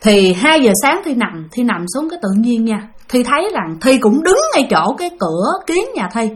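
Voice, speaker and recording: A woman's voice: fairly high pitch, very animated, moderate pace. A woman casually telling a spooky first-person story, referring to herself in the third person and speaking directly to her listeners.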